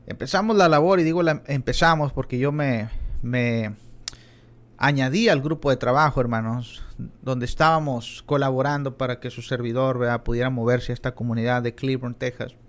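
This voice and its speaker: A man's voice: medium pitch, moderate pace. A middle-aged man preaching a Bible class in a church, earnest and emphatic, often addressing his listeners as brothers. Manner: earnest, repeats "hermanos" often, emphatic rises on key words. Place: church in Texas.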